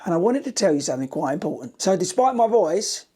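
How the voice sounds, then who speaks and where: A British running coach reviews shoes to camera in a casual, chatty, cheeky way, speaking directly to viewers. He's nearly lost his voice, so it comes out croaky and hoarse, yet it sits high and he's very animated, fast and warm.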